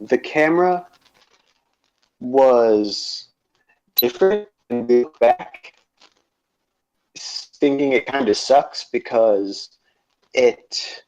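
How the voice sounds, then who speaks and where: Halting man on lo-fi podcast audio. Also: medium pitch, expressive, a little mellow, faint music behind. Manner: halting, many fillers and restarts. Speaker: podcast co-host. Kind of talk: casual gaming chat.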